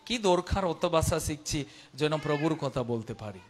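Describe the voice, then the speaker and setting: Preaching in Bengali, a second language he picked up as an adult, this man speaks with a foreign accent and a fairly high pitch. His intonation is lively and his pace moderate, with slight background noise. He rallies his audience through repetition and rhetorical questions.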